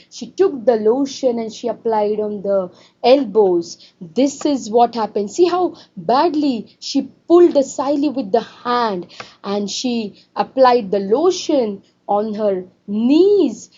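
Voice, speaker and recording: A woman's voice: fairly high pitch, warm tone, husky, lo-fi sound. A woman teacher, explaining a story to her students and asking them questions. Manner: repetitive, asks students questions. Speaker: English teacher. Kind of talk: classroom lesson explaining a story.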